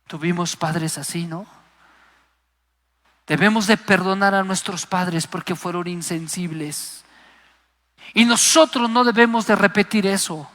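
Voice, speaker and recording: A man's voice: high voice, measured pace, pauses often, fairly bright tone. A man preaching a Pentecostal sermon, passionate and emphatic, acting out the voices he quotes. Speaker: guest preacher. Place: live church service. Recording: long hall reverb.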